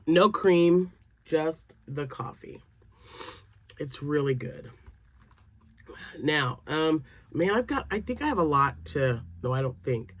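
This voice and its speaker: This crochet vlogger is a woman in her later years with a deep voice, lively intonation, a slow pace, and long pauses. She talks casually to camera, a bit nasal and froggy from sinus drainage. Her manner is rambling and chatty, full of fillers and frequent laughter.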